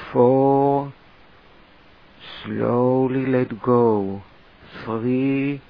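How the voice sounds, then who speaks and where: A man guides a relaxation exercise at a very slow, deliberate pace. His voice is husky and sits at a medium pitch. He speaks in short, spaced-out instructions, and the recording sounds slightly muffled and lo-fi.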